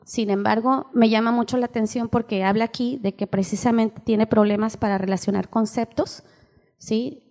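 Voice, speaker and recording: Older female seminar teacher, mellow tone, explanatory, long reverb of a church hall. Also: on the high side, fairly even intonation, moderate pace. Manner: explains while reading aloud, keeps asking ¿sí?. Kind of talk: seminar lecture.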